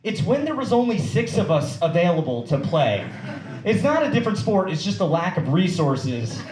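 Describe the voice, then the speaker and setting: A young man performing a stand-up comedy set, swearing and throwing quick asides to the crowd. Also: high-pitched, sing-song, a little mellow. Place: comedy club stage with audience. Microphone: handheld stage mic. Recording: roomy club with crowd noise.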